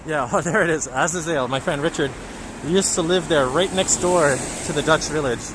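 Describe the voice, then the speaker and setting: The host, a man from Japan, has a fairly high pitch and a moderate pace as he livestreams a casual walk through the city. He chats and reads out comments from viewers while traffic and street sounds fill the outdoor audio.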